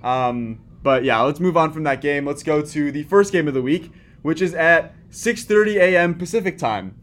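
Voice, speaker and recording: A man's voice: on the high side, normal speed, a bit bright. A man co-hosting a sports podcast, leading the talk in a casual chat with many fillers. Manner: leads the segments, talks with many fillers and restarts. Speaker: podcast co-host.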